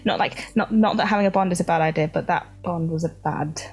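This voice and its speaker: A woman with a slightly husky voice talks at a tabletop game table. She giggles and rambles, restarting her sentences. Faint music plays underneath. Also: fairly low pitch, quick pace, darkish tone. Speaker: player.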